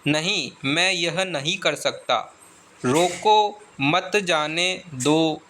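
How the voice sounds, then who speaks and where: A man's voice: fairly high pitch, bright, forceful tone, a little hiss or hum. A man working as an exam tutor, reading out grammar questions and their answers. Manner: slow, deliberate reading of options.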